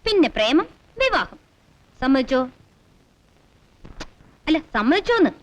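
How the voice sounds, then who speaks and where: A woman's voice: high-pitched, very animated, measured pace, highs cut off. An actress playing a sassy young woman who mockingly lectures her lovestruck friend in 1980s film dialogue. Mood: teasing. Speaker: teasing female friend.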